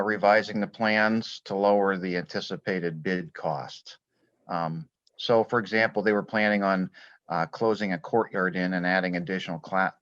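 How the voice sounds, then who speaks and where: A man giving explanatory remarks at a public board meeting as a school official, speaking in a halting, hesitant way. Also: sits low, fairly bright tone. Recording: dull, lo-fi sound in echoey room.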